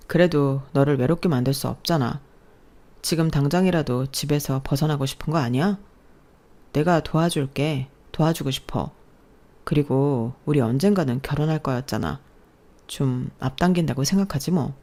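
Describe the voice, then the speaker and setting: A woman voicing a gentle, polite boyfriend in his thirties who speaks softly. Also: deep voice, normal speed. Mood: tender. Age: 30s. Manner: polite, soft-spoken. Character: gentle calm young man, the boyfriend.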